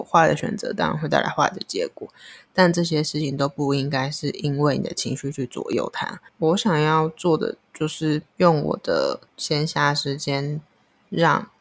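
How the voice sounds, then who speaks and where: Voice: medium pitch, creaky. A vlogger with a Taiwanese Mandarin accent speaking earnestly and candidly in a casual monologue about offering emotional support, drawing on personal experience.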